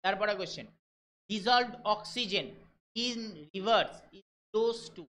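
A man from West Bengal teaching a live online exam-prep class, reading English questions out slowly and explaining them briskly while checking in with his students. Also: high voice, pushed and bright. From West Bengal, India. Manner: brisk, keeps checking in with listeners.

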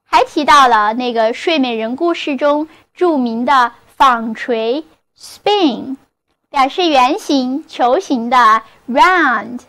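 A woman's voice: sits high, slow, bright, forceful tone. A woman teaching English vocabulary in a scripted lesson, speaking carefully, spelling words letter by letter and repeating example sentences, with a Mandarin Chinese accent.

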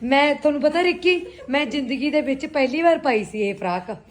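A woman's voice: sits high, animated, brisk. A woman with a Punjabi accent chatting casually and familiarly as a vlogger, to viewers and companions alike. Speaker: vlogger and boutique owner. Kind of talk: casual vlog chat.

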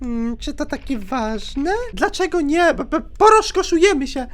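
Guy doing a high whispery yandere girl, creepy sing-song, slow and swoopy. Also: very animated, a bit bright, exaggerated voice. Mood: sweetly menacing. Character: creepy obsessive young woman yandere ex-girlfriend. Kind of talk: dubbing a game's dialogue.

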